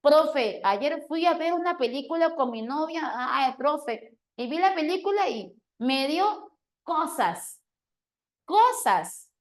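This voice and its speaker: Hesitant young male student, pleading tone, slightly raised pitch, as a woman teacher puts him on. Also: expressive, slow pace. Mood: whiny.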